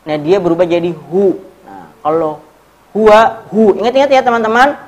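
A man's voice: high voice, normal speed, highs cut off. A young man with an Indonesian accent teaching an Arabic grammar lesson, explaining step by step and quizzing his students.

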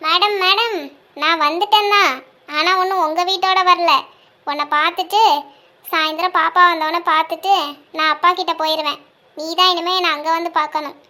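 A woman's voice: extremely high pitch, fairly even intonation, brisk, pushed and bright. A woman voicing a cheerful, teasing young woman who comforts her older sister, in a cartoon. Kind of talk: cartoon voice acting.

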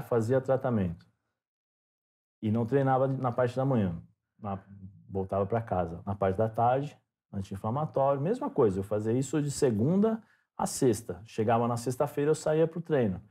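Animated Brazilian man telling stories. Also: medium pitch. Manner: animated storyteller, acts out dialogue. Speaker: podcast guest, former footballer. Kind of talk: casual storytelling interview.

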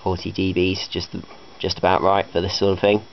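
Speaking fairly quickly in a low, completely flat voice, a man casually demonstrates some electronics he's built as a hobby, unscripted and a bit hesitant, matter-of-fact throughout. He's in a carpeted room indoors, picked up by a handheld camera's mic, and the recording sounds dull and lo-fi with faint noise.

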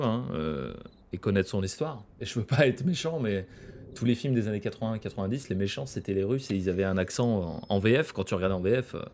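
A man's voice: fairly low pitch, darkish tone. A man casually commentating a horror game, chatty and joking with slang and asides. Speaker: gaming streamer. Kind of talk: let's play commentary.

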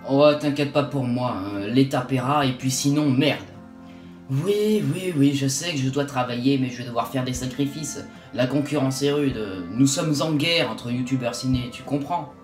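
Young man, YouTuber playing himself in a comic sketch, mid-pitched, music in the mix. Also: normal speed, roomy sound. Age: young adult. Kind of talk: acted comic vlog sketch. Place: small student bedroom.

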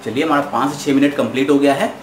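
A man's voice: mid-range voice, quick pace, slight background noise. A man hosting a cooking show, patiently talking viewers through a recipe step by step as he cooks at home. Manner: patient, instructive, addresses viewers directly. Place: home kitchen at the stove.

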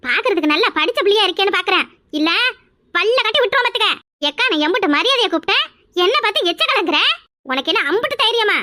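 A woman voicing a loud, quarrelsome middle-aged village woman in a cartoon, with a scolding, rapid-fire way of talking. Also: very high voice, expressive, exaggerated voice. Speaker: cartoon character. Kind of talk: cartoon voice acting.

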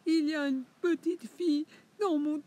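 A woman voicing a tiny shrill baby bear boy in a children's storybook, with a piercing high voice. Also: steady tone, moderate pace, darkish tone, natural voice.

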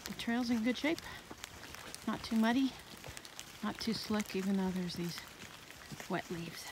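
A woman's voice: mid-range voice, unhurried. Woman narrating a rainy forest hike. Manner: plain, matter-of-fact trail commentary. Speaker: hiking vlogger. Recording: outdoor recording with steady rain noise. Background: rain.

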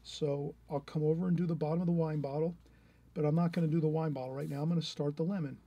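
A middle-aged art teacher rambles encouragingly through a painting tutorial, drawing while he thinks aloud and restarting frequently. He speaks quickly in a fairly high, fairly even voice, warm with a breathy edge.

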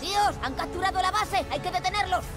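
A woman voicing a panicked child in a cartoon game dub, yelling shrill alarms. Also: a little fast, loud music behind the voice. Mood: panicked shouting.

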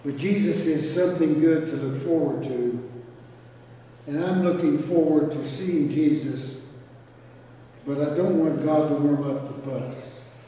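A very echoey, distant recording carries an older man with a very dark, soft-edged voice. He speaks as a pastor at a graveside, folksy and plain, taking his time between phrases. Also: fairly high pitch. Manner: folksy, plain-spoken, unhurried with long pauses. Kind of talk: graveside funeral eulogy and sermon. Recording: echoey, noisy, captured from far off.

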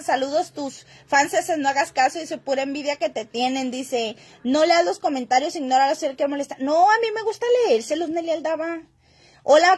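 Woman, gossip streamer, high bright voice, chatty, laughs easily, reads out chat. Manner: chatty and gossipy, greets viewers by name, laughs often. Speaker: gossip livestream host. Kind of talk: casual livestream chat reading viewer comments.

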